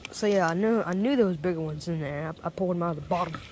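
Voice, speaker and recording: Talking rapid-fire in a high-pitched voice, this young fishing vlogger casually narrates from the edge of a small pond, laid-back and chatty with plenty of "dude" and "bro." The audio comes from a head-mounted action camera's outdoor mic, picking up wind and surrounding noise.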